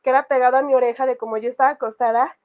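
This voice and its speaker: A woman's voice: high-pitched, steady tone, racing, darkish tone. A woman casually telling a personal horror story, rambling with many fillers. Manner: rambling, full of fillers and restarts.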